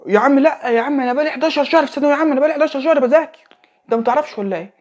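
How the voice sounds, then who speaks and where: A man's voice: very high-pitched, very fast. A young man in his late teens with an Egyptian Arabic accent giving a casual religious talk, repeating phrases and checking in with the listener. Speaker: religious advice speaker.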